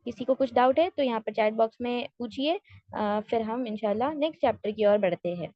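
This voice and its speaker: A woman's voice: a little high, no echo, lo-fi sound. A woman teaching recitation rules in an online class, explaining step by step, checking that students follow and mixing in English words. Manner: mixes English words into her speech. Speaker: tajweed teacher.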